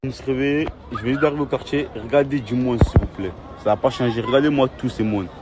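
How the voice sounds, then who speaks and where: A man's voice: medium pitch, fast. A man chatting casually to his followers in street slang, often repeating his phrases. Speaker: vlogger. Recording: noisy outdoor phone video, traffic.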